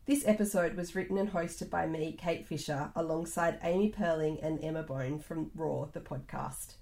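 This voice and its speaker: A woman's voice: deep voice, moderate pace, creaky, dark tone. A woman reading a scripted podcast outro as the host.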